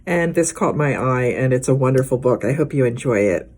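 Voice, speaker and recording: A woman librarian with a bass voice reads a children's picture book aloud, expressive and deliberate, drawing out the key words.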